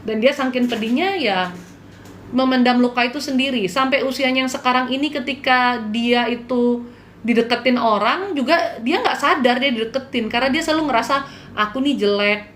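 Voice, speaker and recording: A woman's voice: a little high, a bit bright, slight background noise. A woman hosting a live stream as a spiritual healer, telling a client's story in a casual style, earnest and candid, sometimes pleading with viewers.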